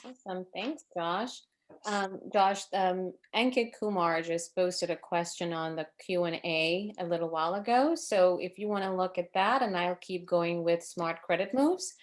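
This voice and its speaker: Speaking over a video call, a Trinidadian woman in her forties leads a financial education webinar. Her voice is lowish and unhurried, and she advises earnestly, using fillers and correcting herself.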